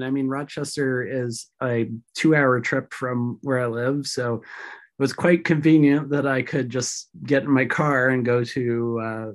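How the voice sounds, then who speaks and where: A woman guest in a casual interview, explaining things thoughtfully, her voice a little rough after vocal surgery. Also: extremely low pitch.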